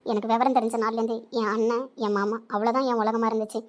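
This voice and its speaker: A woman voicing a young village wife who talks in an earnest, steady way in an amateur drama. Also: on the high side, quick pace, muffled recording, lightly acted. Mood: sorrowful. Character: young village woman, quietly resolute, heartbroken.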